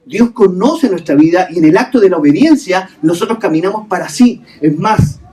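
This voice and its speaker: Man, pastor, sermon, high voice, distant mic, hotel hall, rhetorical questions, English terms mixed in. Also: expressive, moderate pace, dark tone. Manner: asks the congregation frequent rhetorical questions; mixes English terms into his preaching.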